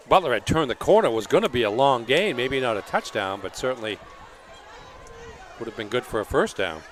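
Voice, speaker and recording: A man with a mid-range voice provides color commentary at an outdoor high school football game. He explains the plays in a conversational way. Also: fairly bright tone.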